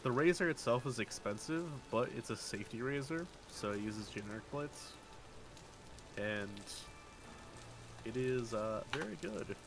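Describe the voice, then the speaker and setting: A man streaming a game and chatting casually, wry and quick to laugh. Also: medium pitch, music in the background, rough recording. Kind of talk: casual gaming chat.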